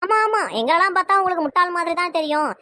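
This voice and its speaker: A woman's voice: very high voice, very fast, bright, forceful tone, slight background noise. A woman with a Tirunelveli Tamil accent voicing an angry, sarcastic mother in a cartoon family quarrel. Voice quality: nagging, sarcastic. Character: angry mother siding with her brother. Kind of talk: cartoon voice acting.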